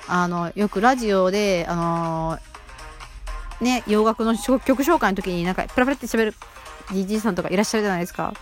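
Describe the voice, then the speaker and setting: A woman's voice: medium pitch, brisk, soft background music. A woman hosting her own casual solo talk show on a radio app, chatting in a rambling, self-deprecating way with many fillers. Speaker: amateur radio-app host.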